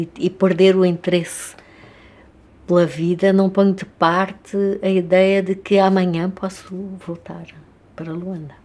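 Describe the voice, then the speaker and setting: With many pauses, this older woman slowly and thoughtfully works through her answers in a documentary interview, sounding hesitant and reflective. She is from Angola, speaks with an Angolan Portuguese accent, and her voice is lowish with a darkish tone.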